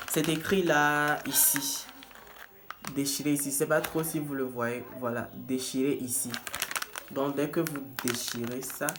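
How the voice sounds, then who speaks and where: A man's voice: fairly high pitch, a little hiss or hum. A man who works as a peer educator in prevention, casually walking viewers through a test kit and often stopping to restart and repeat his words. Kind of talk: casual hands-on product demonstration.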